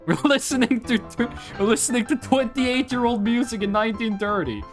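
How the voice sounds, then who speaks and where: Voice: medium pitch, normal speed, faint music behind. A video game streamer giving casual live commentary, joking around, talking to chat and swearing casually.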